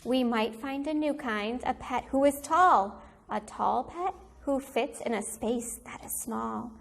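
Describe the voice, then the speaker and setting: Like a kindergarten teacher at story time, this woman reads a picture book aloud with lively animation for young kids. Her voice is high and a bit gravelly, and she moves through each phrase at an unhurried pace.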